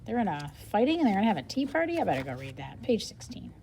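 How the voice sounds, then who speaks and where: In a very animated, creaky, medium-pitched voice, a woman reads a nonfiction book aloud as a children's lesson, expressively breaking off to explain things simply and muse out loud. There's slight background noise.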